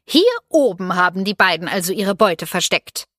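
A woman voicing a mischievous, giggling female prankster in a storybook reading, teasing and higher than her narration. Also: expressive, moderate pace, fairly bright tone, no room sound, studio quality. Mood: indignant.

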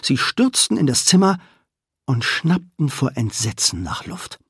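A man reading a children's storybook aloud as an expressive narrator. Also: on the high side, slightly rough, dry recording, clean studio sound.

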